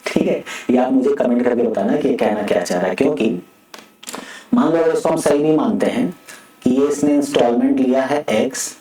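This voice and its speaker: A man's voice: mid-range voice, fairly quick, dark tone, slight background noise. A man teaching an exam-prep maths lecture in a chatty way, with joking asides as he works through problems. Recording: echoey room, far from mic.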